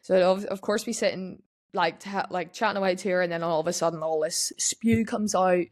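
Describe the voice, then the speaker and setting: A woman's voice: lowish voice, fairly quick. A young woman talking frankly and casually on a podcast, with lots of restarts and "like" fillers. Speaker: podcast host. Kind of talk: candid personal podcast talk.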